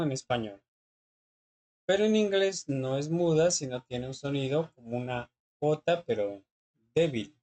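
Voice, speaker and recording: A teacher patiently explains English grammar in class, often checking with short questions that students are following. The voice is medium-pitched and a little mellow.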